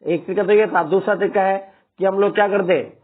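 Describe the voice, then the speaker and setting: Guy teacher going through grammar word lists for kids, keeps checking they follow, kinda high voice, sounds tinny like a phone. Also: fairly even intonation, brisk. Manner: talks to students as children, adds "है ना" as a tag after words. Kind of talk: classroom grammar lesson.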